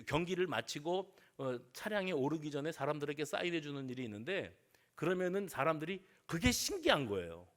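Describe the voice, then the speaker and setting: A middle-aged male pastor preaching a sermon, telling the story vividly, acting out the voices of the crowd and sometimes dropping to a hushed near-whisper. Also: high voice.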